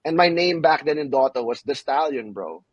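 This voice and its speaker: A man's voice: fairly high pitch, animated, fairly quick, slightly rough, no echo, lo-fi sound. A young man from the Philippines hosting a casual podcast chat, laid-back and peppering his talk with "bro" and "you know what I mean". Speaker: podcast host.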